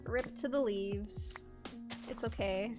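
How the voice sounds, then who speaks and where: A woman's voice: medium pitch, slow, music in the background. A Canadian-born woman streaming a game, chatting casually and reading chat aloud, laughing often.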